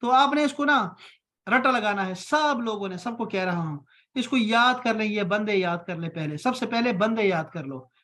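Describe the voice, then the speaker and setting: A man's voice: high-pitched, moderate pace, sharp tone. A man from Pakistan teaching an online Arabic class on a call, patient and encouraging, repeating each point.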